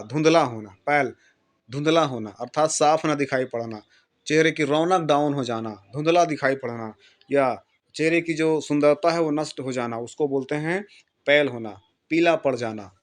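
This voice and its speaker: A man teaching English grammar for exams, slowly dictating example sentences, repeating them and quizzing his students. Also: a little high. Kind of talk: exam-prep lesson explaining in Hindi.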